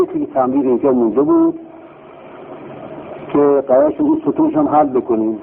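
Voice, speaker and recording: A man's voice: very high-pitched, gravelly. A man teaching a grammar lesson, drilling verb forms and quizzing himself with questions and answers. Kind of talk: recorded classroom lesson. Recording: tinny phone-like line with faint noise.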